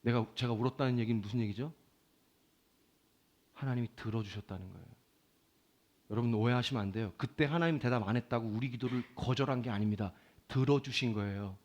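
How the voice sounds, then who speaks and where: A man preaching a Sunday sermon as pastor, swinging from loud pleading to quiet, confiding talk. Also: medium pitch, quick pace, long pauses, dull audio.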